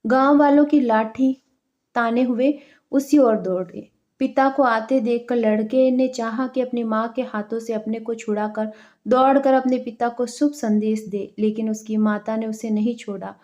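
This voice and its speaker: A woman narrating a folk story in a measured, expressive storybook reading. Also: on the high side. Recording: dull lo-fi recording.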